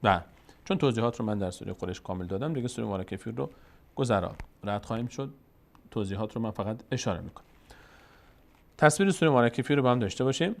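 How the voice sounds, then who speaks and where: Male recitation teacher, drawn-out chanting broken by brisk explanation. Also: medium pitch, lively intonation, vocal fry. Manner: alternates drawn-out chanted syllables with quick spoken explanations. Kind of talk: tajweed lesson, spelling out and chanting verses slowly.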